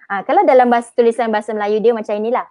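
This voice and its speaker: A woman with a Malaysian Malay accent teaching Arabic pronunciation in a live online lesson, chatty, drawing example words out slowly. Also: on the high side, warm tone, no echo, lo-fi sound.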